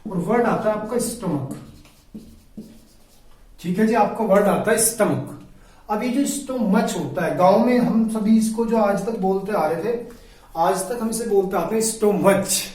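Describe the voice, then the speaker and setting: A man's voice: high voice, moderate pace, a little mellow. A male grammar teacher giving a video lesson, repeating each point and asking and answering his own questions, often calling his listeners brother. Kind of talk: classroom-style video lesson. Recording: very echoey room, voice from a distance.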